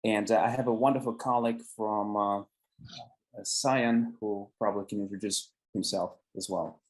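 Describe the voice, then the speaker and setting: Young male student presenter, lowish voice, halting delivery over a video call. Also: fairly even intonation, rough recording. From Finland. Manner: hesitant, many fillers and restarts. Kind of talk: academic paper presentation.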